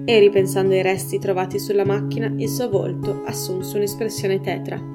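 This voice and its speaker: A woman's voice: mid-range voice, flat delivery, brisk, over loud music. Woman narrating a mystery audiobook. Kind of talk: scripted narration.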